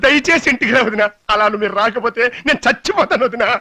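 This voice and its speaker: A scheming, fawning uncle rattles off his lines at breakneck speed in a high, bright, pushy voice. He swings between scolding and theatrical pleading. The studio dub is bone-dry. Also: lively intonation, dry recording, heavily acted. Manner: rapid, wheedling and theatrical, scolding then pleading. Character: scheming, fawning middle-aged uncle of the family. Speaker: dubbing actor. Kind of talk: dubbed film dialogue.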